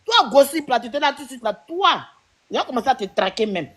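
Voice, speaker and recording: A woman's voice: sits high, sing-song, fast, fairly bright tone. A woman on a live-stream panel, scolding and insistent and repeating her points.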